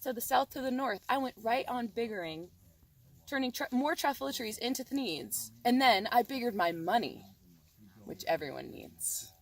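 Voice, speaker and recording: A woman reciting a rhyming children's story by rote in a theatrical, expressive storytelling manner. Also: a little high.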